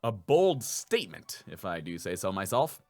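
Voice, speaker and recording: A man's voice: low-pitched, sing-song, normal speed, a little mellow, soft background music, pitched below the performer's own voice. A man playing a young self-styled mad scientist in a visual novel, theatrical and grandiose. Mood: pompous. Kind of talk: reading a visual novel aloud in character.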